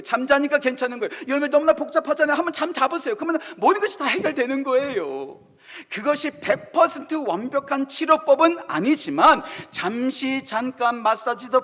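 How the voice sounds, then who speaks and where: A male pastor preaching a sermon in a church, talking like a conversation and moving between hushed asides and fervent emphasis. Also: high voice. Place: church sanctuary. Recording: reverberant church hall.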